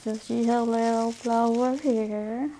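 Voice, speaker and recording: A soft-spoken woman hosts a casual ASMR video in a fairly high voice. She takes her time with each phrase, with faint noise behind her. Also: steady tone, slow pace, poor audio.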